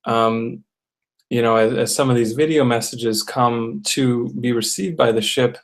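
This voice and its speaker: Male co-host, casual chat: mid pitch, monotone delivery, earnest and even, filler-heavy. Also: unhurried. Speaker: co-host reviewing a film. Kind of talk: casual discussion.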